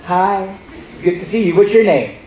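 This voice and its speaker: High-pitched and expressive at normal speed, a stage magician jokes with and teases his audience, throwing in bursts of loud hype during live show banter. He's in a large cruise ship theater, recorded from far off in an echoey hall, with audience chatter, laughter and crowd noise behind him.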